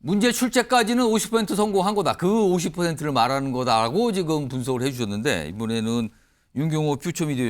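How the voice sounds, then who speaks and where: Male anchor, lively varied pitch, fairly high voice, prompting questions, studio panel talk. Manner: prompting questions with short acknowledgments. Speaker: news talk show anchor.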